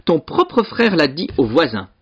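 A man voicing an angry, bullying rich lord who shouts and domineers. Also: on the high side, wildly swooping pitch, unhurried, breathy edge, voice pushed up, full character voice. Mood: furious. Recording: dull lo-fi recording.

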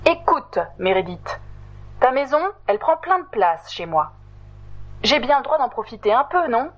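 Little male mouse, kind, touchy, high and stammering; storybook; woman voices him. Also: animated, measured pace, breathy edge, lo-fi sound. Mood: cross. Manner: high, timid, stammering when scared.

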